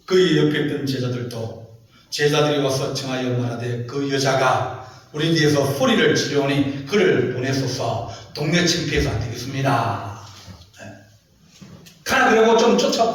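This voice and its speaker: A man's voice: mid-range voice, slight background noise. A man preaching a sermon as pastor, emphatic and often putting questions to the congregation. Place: church sanctuary. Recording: echoey church heard from a distance.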